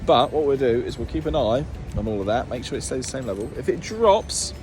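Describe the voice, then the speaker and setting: A man's voice: mid-range voice, animated, fairly quick, over music. A British man chatting casually for a vlog about his own work, playful and jokey, slipping into silly baby-talk words. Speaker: car dealer filming a repair vlog.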